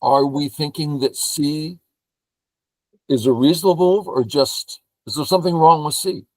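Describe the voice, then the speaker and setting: A man's voice: on the high side, normal speed, no echo, poor audio. A man hosting a casual session, speaking conversationally. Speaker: session host.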